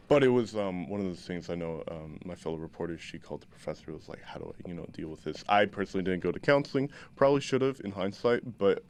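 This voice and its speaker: A young man with a very deep voice asks his question haltingly, full of fillers and restarts. There is a faint noise behind him. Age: young adult. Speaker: journalism student asking a question. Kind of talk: hesitant question in class.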